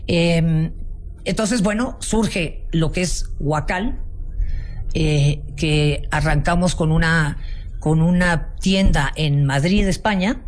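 Speaking slowly in a low-pitched voice, this Mexico City Spanish–accented woman is a guest in a relaxed interview, recounting how she founded her folk art business. Her storytelling is warm and passionate, with frequent fillers and restarts.

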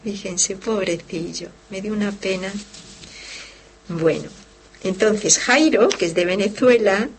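This religious sister, who lives in Barcelona, leads a devotional program in which she fervently explains her teaching, speaks directly to listeners and reads their letters. She talks at a medium pitch and a slow pace, and the rough recording has slight background noise.

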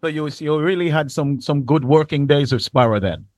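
A man hosting a talk program, introducing segments and inviting his guests to speak in a relaxed, chatty manner. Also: a little high, moderate pace, no echo. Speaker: host. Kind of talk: casual talk show hosting.

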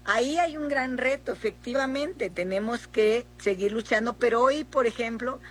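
Mexican woman senator, halting speech. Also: on the high side, breathy edge. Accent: Mexican Spanish. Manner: halting, many fillers and restarts. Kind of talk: political interview.

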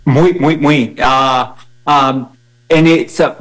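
A man's voice: medium pitch, steady tone, drawn-out words, fairly bright tone, rough recording. A Brazilian man whose first language is Portuguese, interviewed as a guest artist, speaking hesitantly and mixing Portuguese, Spanish and English.

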